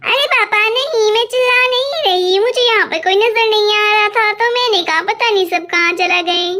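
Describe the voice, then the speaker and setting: A woman's voice: very high-pitched, normal speed, background noise. A woman voicing a young girl doll in a storytelling video, anxious and calling out as she searches. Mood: worried. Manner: worried calling out.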